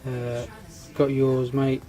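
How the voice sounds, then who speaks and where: A scale model hobby channel host gives a rambling vlog update while congested with a cold and losing his voice. His medium-pitched voice is completely flat, slow, and warm, and he hesitates often with ums and restarts.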